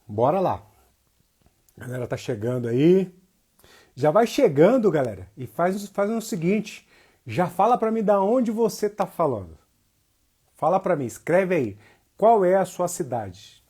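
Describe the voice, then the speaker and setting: A capoeira teacher from Jacobina, Bahia, Brazil speaks in a high, dark voice with a breathy edge and big pitch swings, going a little slow with long pauses. In his northeastern Brazilian accent he greets viewers during a casual livestream lesson, slangy and informal, often repeating phrases for emphasis.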